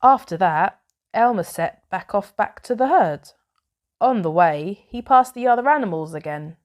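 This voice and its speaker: This is a woman at medium pitch giving a bedtime story for children. She reads it aloud carefully and expressively, pausing for dramatic effect.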